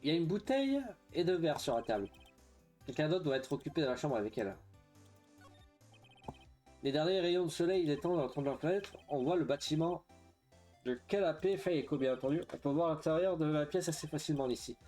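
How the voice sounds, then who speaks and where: A man's voice: a little high, expressive, a little fast, darkish tone, soft background music. A man playing a video game, reading its dialogue aloud with hesitant asides and frequent fillers. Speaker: let's play streamer.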